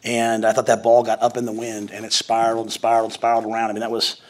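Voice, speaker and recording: At a postgame press conference, a forties-aged head football coach responds from the podium mic in a quick, chatty manner peppered with fillers and restarts. He speaks in a fairly low, monotone voice.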